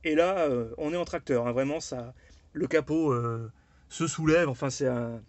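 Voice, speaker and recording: A man's voice: fairly high pitch, normal speed, a little mellow, dry recording. Chatty man showing off his old four-by-four. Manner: chatty, loose, full of fillers and restarts. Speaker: car owner presenting his vehicle. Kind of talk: casual walkaround presentation.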